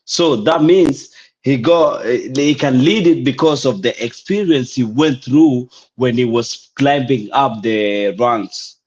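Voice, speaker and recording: A man's voice: mid-range voice, slow pace, darkish tone. Young Kenyan man, dull lo-fi audio. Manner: explanatory, slangy. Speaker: caller, army corporal. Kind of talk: casual chat, code-switching. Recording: dull, lo-fi online call audio.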